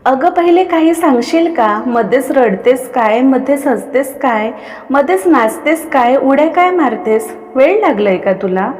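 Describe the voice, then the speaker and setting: A woman voicing a fussy, quick-tempered young woman friend with a scolding way of talking. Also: sits high, a little mellow. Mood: exasperated. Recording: long reverb.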